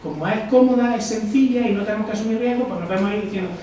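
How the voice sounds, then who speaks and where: Speaking very fast in a high, mellow voice, a man from Almería in Spain delivers a reflective lecture to a live audience, often putting questions to them. The hall is echoey, the mic distant, and there is slight background noise.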